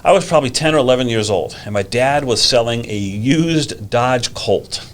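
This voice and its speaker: A man's voice: mid-range voice, animated, moderate pace. A man in his fifties, a teacher and driving instructor, chatting casually on a podcast and telling stories with a gift of gab. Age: 50s.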